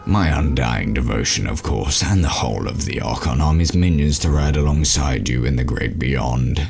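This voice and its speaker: A smug occult warlord from a space cartoon. His voice is extremely low and gravelly, his delivery pompous and ceremonious. Music plays behind him. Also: moderate pace, darkish tone. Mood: reverent. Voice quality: deep, gravelly. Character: Wrathchild, grandiose male alien occult warlord, obsequious and smug.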